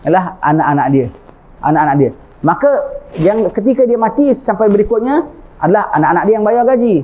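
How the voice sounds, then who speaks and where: The recording cuts off the highs of this man's high, expressive, fairly quick voice. He's a religious preacher with a Malaysian Malay accent delivering an informal sermon, conversational and often asking listeners "ha?".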